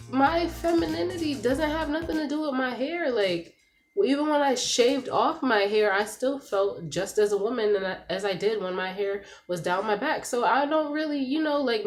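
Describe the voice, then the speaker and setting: A young woman vlogging to camera in a candid, chatty way, sounding a little congested from a cold. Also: a little high. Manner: chatty and candid, says "like" and "y'all" a lot. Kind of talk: casual talk to camera. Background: music, dog noise.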